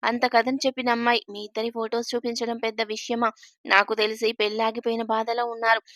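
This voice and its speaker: A woman reading the lines of a young man who teases his best friend, in quiet, low-key banter. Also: little pitch movement, brisk, dry recording, studio quality, lightly acted. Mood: teasing.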